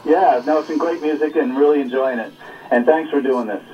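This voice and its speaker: A man's voice: fairly high pitch, normal speed, a loud crowd. A man calling in to a radio show from afar, enthusiastic as he talks with an old colleague. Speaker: caller, former colleague. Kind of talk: phone call to a radio show. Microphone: phone line. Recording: dull distant phone line.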